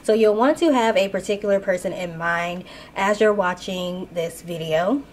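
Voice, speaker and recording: A woman's voice: medium pitch, normal speed, slight background noise. Woman, blocked nose, congested mouth-breathing sound, casual tarot reader. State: stuffed nose from sinus infection, breathing through mouth. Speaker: tarot reader and channel host. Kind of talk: casual spoken card reading.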